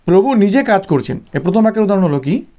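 A man from West Bengal teaching a Sanskrit grammar lesson for exams. He explains patiently and repeats points, with many "ah" fillers, and slows down to spell out example sentences. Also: high voice, sing-song, warm tone. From West Bengal, India. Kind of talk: exam-prep grammar lesson.

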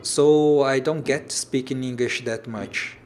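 Unhurried and fairly even in intonation, this man's medium-pitched voice has a darkish tone and slight background noise. He's a Brazilian origami designer in his thirties whose first language is Portuguese, casually reading viewer comments during a livestream from a shelved room at home. Hesitant, he restarts phrases as he reaches for English words.

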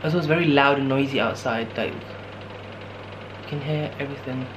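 A man in his twenties with a mid-range voice speaks at a moderate pace on dull audio, rambling casually to a handheld camera held at arm's length on a solo travel vlog. Worn out with a sore throat, he talks tiredly in fillers, first in a guesthouse room and later on a noisy narrow street at night, with clear background noise.

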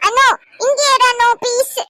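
A pleading, whiny little boy from a cartoon. His voice is very high. The recording is dry and close. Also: flat delivery, unhurried, bright, forceful tone, dry recording, full character voice. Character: small pestering grandson boy. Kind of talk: cartoon voice acting.

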